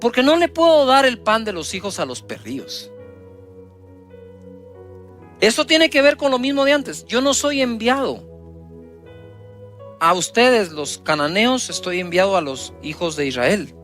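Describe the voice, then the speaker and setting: A man's voice: sits high, very animated, measured pace, pauses often, soft background music. Man preaching a dramatic sermon. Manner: dramatic preaching, reading scripture aloud and retelling it; wide swings in loudness and emphasis. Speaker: pastor.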